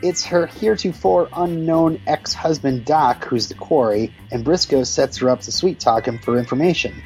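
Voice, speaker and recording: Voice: medium pitch, moderate pace, a little mellow, low-quality recording. A podcast co-host reading a listener letter aloud in a casual way. They trip over words and laugh now and then. Faint music plays in the background. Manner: laughs often, stumbles while reading.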